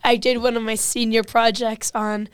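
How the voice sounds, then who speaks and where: A woman's voice: a little high, little pitch movement, clean tone. A college-aged woman in her twenties co-hosting a casual chat about student clubs, bubbly and eager to agree. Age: 20s. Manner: bubbly, enthusiastic, quick to agree. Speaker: student co-host.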